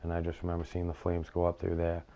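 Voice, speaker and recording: A male firefighter from the United States reflects in an interview. His voice is very low and resonant, with little melodic movement. He talks plainly and haltingly, recalling personal stories. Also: monotone, dark tone, muffled recording.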